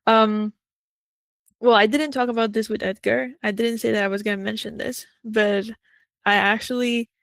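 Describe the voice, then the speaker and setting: A woman's voice: on the high side, fairly even intonation, moderate pace, vocal fry, dry recording. A woman from Peru hosting an interview, talking casually and enthusiastically with many fillers. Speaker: interview host. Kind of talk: conversational video interview.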